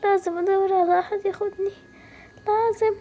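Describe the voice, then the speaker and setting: Lost, tearful little girl, voiced by a woman for a game story; very high, soft voice, pleading and weepy. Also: steady tone, fairly quick, a little hiss or hum. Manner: weepy, pleading calls for her mother. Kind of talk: Roblox story role-play voicing.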